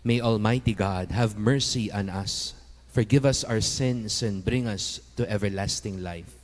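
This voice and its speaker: A male priest leads Mass in a fairly low voice. He recites prayers solemnly and in measured phrases. Long cathedral echo trails his words in a large church. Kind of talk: liturgical prayer, formal recitation.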